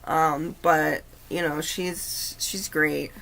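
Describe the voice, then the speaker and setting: A woman hosting a livestream, telling a personal story in an earnest, halting, confiding way. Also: low-pitched, steady tone, vocal fry, a bit bright. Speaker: livestream host. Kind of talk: casual storytelling.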